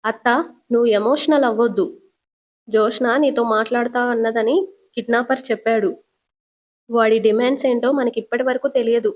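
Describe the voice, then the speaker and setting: A woman voicing a calm young man who soothes and coaxes his worried aunt. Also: a little high, normal speed, long pauses, lightly acted. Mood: reassuring. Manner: soothing, coaxing. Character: calm reassuring young man, caring nephew.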